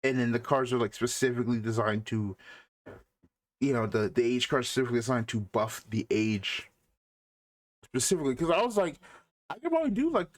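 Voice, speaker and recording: A man's voice: mid-range voice, a little fast, pauses often. A man co-hosting a casual podcast chat, teasing and incredulous as he talks. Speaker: podcast co-host.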